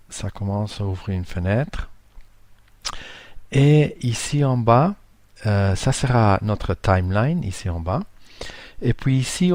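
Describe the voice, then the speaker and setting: A man speaking French as a non-native with a foreign accent, giving an informal screen-share tutorial, halting and searching for words. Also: on the low side, a little mellow, dry recording. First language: not French. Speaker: tutorial presenter.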